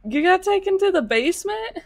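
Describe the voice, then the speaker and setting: A woman's voice: very high voice, sing-song, fairly quick. A young woman giving casual, giggly and reactive commentary while playing a co-op horror game as a streamer. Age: young adult. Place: small indoor room at home, streaming setup. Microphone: microphone on a boom arm, close.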